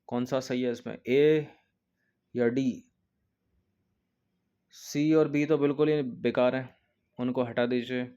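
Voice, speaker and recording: A man's voice: mid-range voice, a little mellow, clean tone. A male coaching teacher walking through an exam test paper, explaining each answer step by step and repeating key points. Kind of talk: test-paper walkthrough lesson.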